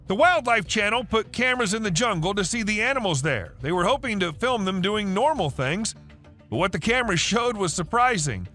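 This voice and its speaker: A man's voice: high-pitched, expressive, fairly quick, bright, forceful tone, soft background music. A man reading scripted wildlife video narration in a chatty storytelling way, with asides to the listener.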